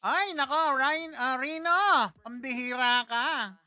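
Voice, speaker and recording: Playful bright-voiced man hosting a livestream. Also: very high-pitched, takes it slowly, no echo. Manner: playful, teasing, laughs often. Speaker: livestream host. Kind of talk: casual livestream chat with viewers.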